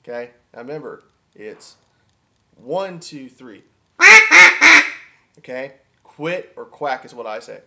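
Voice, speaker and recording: A duck calling instructor speaks in a mid-range voice at a normal speed. His how-to talk is casual and informal, he repeats himself a lot, and his enthusiasm for the subject comes through.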